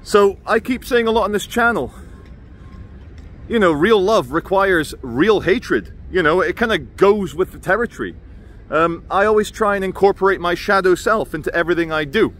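A man's voice: high voice, lively intonation, normal speed, fairly bright tone. A man in his thirties or forties giving an intense, rambling opinion monologue to camera, with a slight whistle on his "sh" sounds. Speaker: vlogger. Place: busy open city square outdoors. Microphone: phone at arm's length. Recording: noisy outdoor city ambience with traffic.

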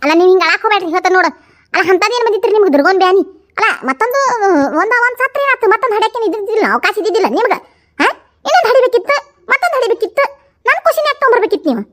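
A woman's voice: very high-pitched, lively intonation, rapid-fire, fairly bright tone. A woman with a North Karnataka accent in a village comedy skit, firing off blunt, scolding questions. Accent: North Karnataka Kannada. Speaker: comedy sketch performer.

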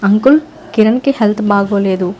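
A woman's voice: mid-range voice, moderate pace, dark tone, highs cut off, slight background noise, natural voice. A woman voicing a worried young man urging help for his friend. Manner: urgent, worried.

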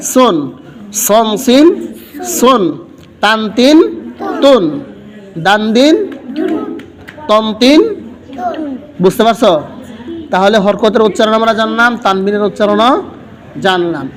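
A man teaching Quran reading, sounding out Arabic syllables and pausing for students to finish his sentences. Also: sits high. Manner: asks questions and leaves the last word for students to finish.

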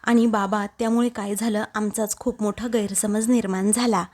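A woman's voice: mid-range voice, flat delivery, normal speed, a little mellow, close to an everyday voice. A woman voicing a young daughter-in-law who earnestly pleads her case to her father-in-law, in a serial recap.

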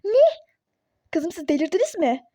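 A woman's voice: sits high, a little fast, dark tone, a little hiss or hum, natural voice. A woman voicing an irritable, skeptical young pregnant mother in a phone-game role-play story, snappish and sarcastic. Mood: exasperated.

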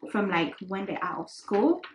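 A young woman vlogging casually at home in her kitchen, chatting with lots of fillers and trailing off softly. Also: mid-range voice, big pitch swings, moderate pace. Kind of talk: casual vlog chat. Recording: roomy kitchen with faint noise.

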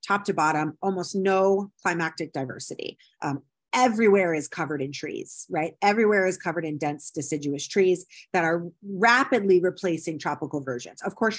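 A woman giving a recorded anthropology lecture over slides, explaining step by step with many ums and a habitual "right?". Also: mid-range voice. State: has the hiccups.

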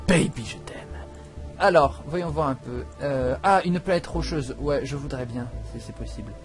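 A man giving casual, excitable gameplay commentary, swearing and breaking into loud outbursts as he plays. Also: mid-range voice, normal speed, over music. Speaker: let's play gamer.

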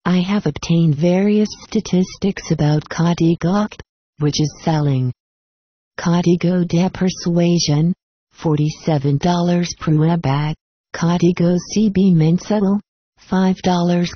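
Calm computer-generated female voice, low and unhurried, dull dry lo-fi audio; automated pitch read flatly. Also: no room sound. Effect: calm synthetic computer voice.

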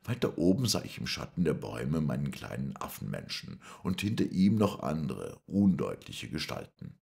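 Male audiobook narrator, extremely deep voice, lively dramatic reading. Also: moderate pace, vocal fry. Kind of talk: scripted first-person narration.

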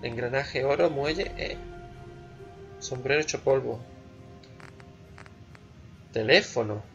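A man's voice: mid-range voice, slow, vocal fry, a bit bright, muffled recording, soft background music. A man giving casual, playful let's play commentary, musing aloud and repeating words. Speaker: gamer, let's play host.

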